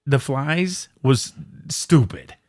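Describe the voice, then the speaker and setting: A man co-hosting a casual horror movie podcast, talking excitedly with lots of stammering restarts and blunt, profane words. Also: mid-range voice, drawn-out words, dry recording, clean studio sound. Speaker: podcast co-host.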